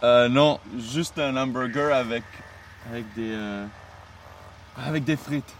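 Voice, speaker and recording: An actor playing a stoned, befuddled driver who talks haltingly in a radio ad. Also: male voice, medium pitch, slight background noise, natural voice. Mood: dazed. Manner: hesitant, halting. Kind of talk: acted radio public service ad.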